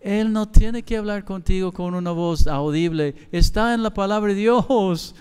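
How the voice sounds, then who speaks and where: Speaking in an unhurried way, a middle-aged Mexican-accented man delivers a conversational sermon as pastor, weaving in quoted dialogue. His high voice has a darkish, clean tone, and the large church hall he's in adds long reverb.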